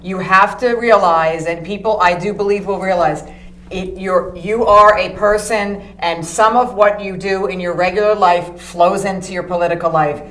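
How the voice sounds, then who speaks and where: A woman's voice: medium pitch, fairly even intonation, normal speed, a bit bright. A woman on a casual studio panel, earnest and opinionated. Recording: roomy studio with faint hum.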